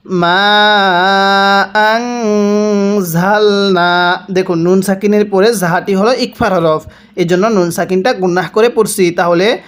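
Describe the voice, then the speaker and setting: A man from Bangladesh teaching Quran reading, chanting words slowly and drawn out, then explaining quickly and prompting listeners to repeat after him. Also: high voice. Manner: slow drawn-out recitation alternating with brisk explanation; asks and answers his own questions, prompting viewers to repeat. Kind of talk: spelling-out recitation lesson.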